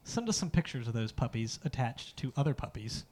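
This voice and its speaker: A man's voice: mid-range voice, very animated, brisk, darkish tone. A man chatting casually as a podcast co-host, with a voice that sits squarely in the middle of his range. He rambles, his speech full of "uh" and "um" fillers. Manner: rambling, filler-heavy delivery. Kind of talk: casual chat.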